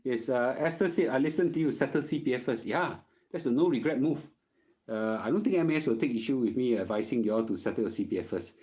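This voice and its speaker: Fast and expressive, with a mid-range, slightly mellow voice, this middle-aged host with a Singaporean accent gives personal finance advice. He answers questions in relaxed Singlish, frequently asking "okay?".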